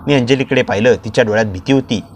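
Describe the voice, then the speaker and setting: A man narrating a dramatic first-person story in a steady, scripted storytelling voice. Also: medium pitch, racing, a little hiss or hum.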